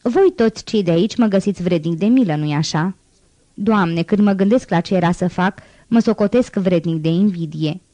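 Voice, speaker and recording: A woman reading the part of a solemn, quiet male ex-convict mayor in an audiobook. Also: fairly low pitch, no room sound, natural voice. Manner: grave, quiet and restrained.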